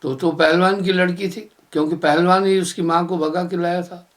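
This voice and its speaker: A man giving a sermon as a spiritual teacher, telling moral stories in an unhurried way and chanting verses slowly. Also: sits high, level tone. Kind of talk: sermon with storytelling.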